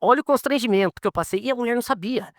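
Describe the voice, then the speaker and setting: A man's voice: extremely high pitch, very fast, dry recording, clean studio sound. A man, a lawyer being interviewed, telling stories casually and acting out the dialogue as he goes. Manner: animated, acts out quoted dialogue.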